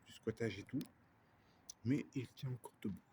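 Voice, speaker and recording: A man talking quietly in a hushed, often half-whispered way, narrating an exploration vlog at night. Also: mid-range voice, moderate pace, a little hiss or hum. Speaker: urbex explorer filming for viewers. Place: inside a dark abandoned building.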